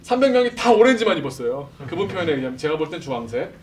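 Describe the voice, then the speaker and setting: A man telling a lively testimony to a church congregation, acting out the voices of the people in his story and laughing often. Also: a little high, rapid-fire. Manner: animated, acts out quoted voices, laughs often. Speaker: speaker at a church service. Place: church sanctuary. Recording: distant mic with background noise.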